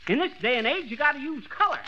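A cocky, scheming husband trading screwball wisecracks in an old radio comedy. His voice is high for a man and very bright, with lively swoops. The recording is dull and dated. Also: fast, a little hiss or hum, exaggerated voice. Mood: eager, pushy. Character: brash, pushy husband full of crackpot schemes. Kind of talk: 1940s radio comedy acting.

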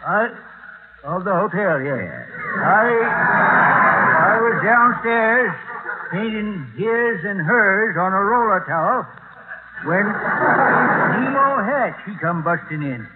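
An actor playing a dim, hard-of-hearing old country man with an ear trumpet, in a folksy, slow-witted radio comedy style. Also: sits high, expressive. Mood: folksy, obliging. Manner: slow-witted, mishearing, folksy hayseed talk. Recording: tinny, noisy old radio recording.

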